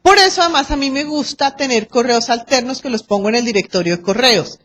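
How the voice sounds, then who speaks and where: A Colombian woman lecturing a class on arbitration, lively and acting out quoted exchanges and anecdotes. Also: fairly high pitch, brisk, slight background noise.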